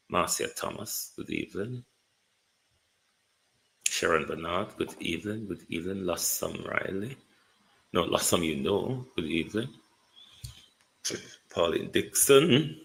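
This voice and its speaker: A man with a Jamaican accent hosting a live political talk stream, speaking theatrically, moving between calm and indignant heat. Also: deep voice, vocal fry, poor audio. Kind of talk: live political commentary to viewers.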